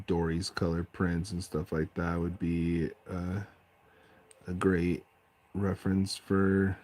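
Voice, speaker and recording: A man with a deep bass voice, chatting casually on a late-night stream at home while he paints miniatures, rambling and restarting his sentences. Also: a little mellow. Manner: rambling, self-interrupting, chatty. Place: at home at night, family asleep.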